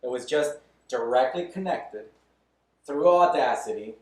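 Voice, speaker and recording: Talking a little slowly with lively intonation, a thirtysomething man guests on a podcast in a loose, candid chat, chuckling between ideas. His pitch is medium, and the distant mic picks up a roomy echo.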